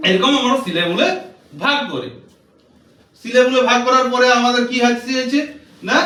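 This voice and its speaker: High, bright-voiced man teaching English. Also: roomy sound, far from the mic. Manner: patient, spells words out letter by letter and asks the viewer questions. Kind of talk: English lesson video explained in Bengali.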